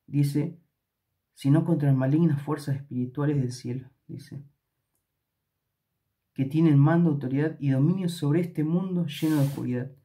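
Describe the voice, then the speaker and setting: A man's voice: a little high, normal speed, long pauses, dark tone. A man with an Argentine accent reading scripture aloud and commenting at a Bible study, hesitant with many fillers and restarts. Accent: Argentine Spanish.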